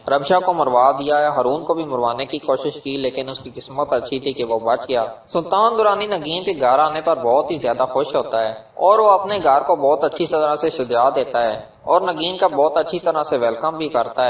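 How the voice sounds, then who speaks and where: A man hosting his channel, narrating a TV drama's story in a steady, earnest way and addressing his viewers directly. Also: on the high side. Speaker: channel host recapping a TV drama. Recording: echoey room, voice far from the mic.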